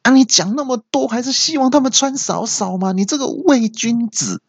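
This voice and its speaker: A man's voice: very high voice, moderate pace, husky, no echo, dull audio, voice pushed up, full character voice. A man voicing a sarcastic male friend who needles and teases. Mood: mocking. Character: teasing male friend, mocking and nosy.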